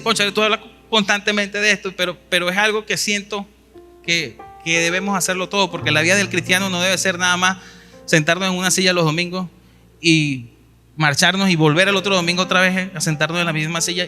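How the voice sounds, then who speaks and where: A man's voice: fairly high pitch, sharp tone. A man preaching a sermon, retelling scripture stories and reading verses aloud with emphasis.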